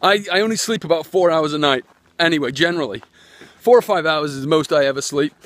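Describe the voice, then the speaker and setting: A man's voice: a little high, fast, fairly bright tone, no room sound. A man chatting in a rambling way, full of fillers and restarts, while live-streaming on his phone outdoors on a walk. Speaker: internet marketer. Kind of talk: live-streamed walking vlog. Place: outdoors, walking his land.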